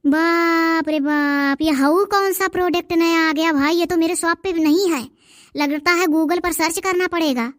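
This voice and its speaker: A woman's voice: very high-pitched, fairly even intonation, measured pace, no echo, studio quality. A woman voicing an impatient young shopkeeper in a cartoon, curt and mocking with her customers. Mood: puzzled. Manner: curt, mocking, standard Hindi speech. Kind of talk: cartoon dub voice acting.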